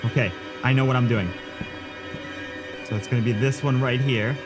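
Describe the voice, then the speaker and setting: A man's voice: medium pitch, fairly even intonation, normal speed, over music. A man playing a horror game and commentating as he thinks aloud, easily spooked like a scared streamer.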